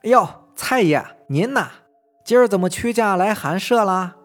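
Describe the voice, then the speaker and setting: A man's voice: fairly high pitch, normal speed, faint music behind. Man voicing a fawning flustered young servant. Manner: flattering, stammering.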